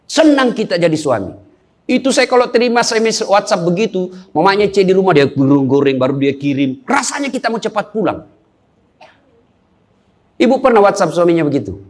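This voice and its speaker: High-voiced joking male preacher. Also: brisk. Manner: animated, jokey storytelling with quoted dialogue. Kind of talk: humorous sermon to a live audience.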